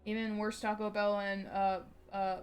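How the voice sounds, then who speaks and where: A young woman streamer with a medium-pitched, level voice rambles at a moderate pace in a casual live-stream chat. She has a slight lisp on her s and t sounds and fills her talk with fillers and restarts.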